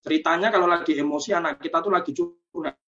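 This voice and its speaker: A man with a slightly high voice speaks in a patient, explanatory way. He is giving a parenting webinar over a video call. His audio sounds a little dull and lo-fi. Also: steady tone, fast talker, gravelly, fairly bright tone. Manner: patient, explanatory, frequent "gitu ya" tags. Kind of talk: webinar talk.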